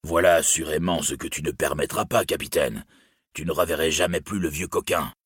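A man's voice: extremely low pitch, a little fast, a bit bright, slightly rough, no echo, clean studio sound, heavily acted. A man voicing a wounded, bloodthirsty male outlaw who speaks in a harsh, mocking, menacing way. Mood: scornful.

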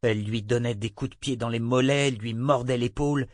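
A man's voice: medium pitch, no room sound. Man narrating an audiobook, dry close sound. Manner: measured, even storytelling.

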